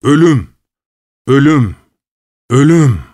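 A man's voice: medium pitch, expressive, slow pace, darkish tone, no echo, studio quality. A man voicing a vain, fanatical male anarchist who speaks in theatrical declarations, in a storybook reading. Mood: defiant. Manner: theatrical, self-pitying declarations.

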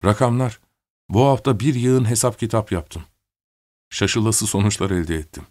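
Man voicing a calm, worn-out young worker. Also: fairly low pitch, moderate pace, no room sound, close to an everyday voice. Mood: weary calm. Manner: calm, soft, flat-toned. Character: exhausted young factory worker, calm and detached.

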